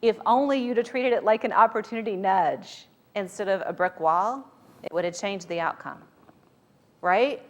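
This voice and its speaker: A woman's voice: mid-range voice, moderate pace. A woman with a mid-range voice gives a motivational talk to a group. She is conversational yet emphatic, leaning on rhetorical questions to make her points as a workshop speaker.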